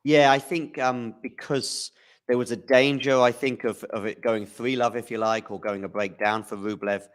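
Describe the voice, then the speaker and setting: A man's voice: medium pitch, moderate pace. A man hosting a live tennis commentary podcast, chatting casually with fillers. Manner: chatty, relaxed, frequent fillers.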